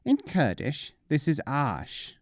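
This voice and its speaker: A man's voice: on the high side, wildly swooping pitch, takes it slowly, no room sound, studio quality, voice pushed up, full character voice. A man voicing a cheerful, boastful wandering mullah in a storybook, chatty and breezily self-assured. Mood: matter-of-fact.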